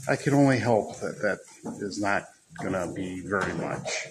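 A man chatting casually while filming his goats in a barn, rambling slowly and sometimes cooing to the animals in a high voice. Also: animated. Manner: slow, rambling, talks to his goats in high baby talk. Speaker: goat farmer vlogger. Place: goat barn pen, indoors. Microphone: phone camera held by the speaker. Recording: noisy barn phone recording.

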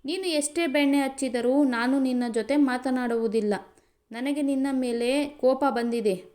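A sulky, childish young bride with a pouting, whiny way of talking, as a woman narrator puts her on. Her voice sits fairly high. She sounds like a storybook reading. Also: moderate pace, darkish tone, lightly acted. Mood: sulking.

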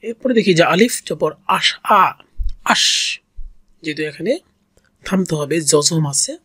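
A reading teacher talks through a beginner's lesson at a very slow, unhurried pace. The voice is dry and close, with no room sound. Each syllable is sounded out on its own and repeated patiently, and the long vowels are drawn out. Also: medium pitch, lively intonation, a bit bright, husky, dry recording.

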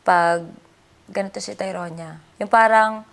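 Creaky-voiced mother talking to camera. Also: mid-range voice, fairly even intonation, a little slow. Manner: hurt, reflective. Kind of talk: confessional vlog talk.

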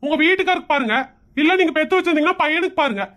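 A woman's voice: high voice, animated, very fast. A woman voicing a short-tempered young man in a cartoon comedy, scolding his nosy neighbours. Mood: angry. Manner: scolding, shouting.

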